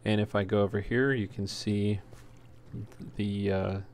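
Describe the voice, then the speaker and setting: This gaming video host has a lowish, slightly mellow voice and a flat, somewhat slow delivery. He offers casual, unplanned walkthrough commentary and hesitates now and then. Noise from his home recording is easy to hear.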